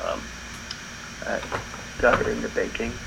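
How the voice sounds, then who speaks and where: A man co-hosting a podcast in relaxed, rambling casual chat, with many fillers and restarts. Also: medium pitch, a little slow, vocal fry, poor audio. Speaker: podcast co-host. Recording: air conditioner hum behind.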